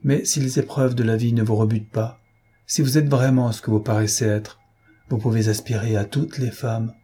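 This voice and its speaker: A man voicing a serious, gracious young princess in an audiobook, with a husky voice. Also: medium pitch, steady tone, moderate pace, mellow, natural voice. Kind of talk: audiobook character reading.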